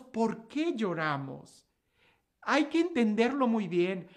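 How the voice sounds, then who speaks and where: A woman giving a gospel reflection, asking repeated rhetorical questions and letting her voice swell and then fall soft. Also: mid-range voice. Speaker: preacher.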